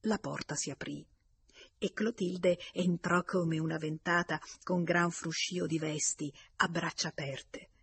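A woman narrates a novel in a steady, scripted audiobook manner. Her voice sits low and sounds husky and breathy, with an even storytelling pace. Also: measured pace.

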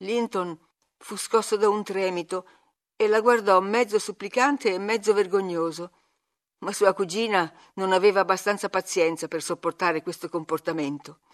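A woman narrating a classic novel for an audiobook. Her reading is measured and expressive, with an even middle pitch.

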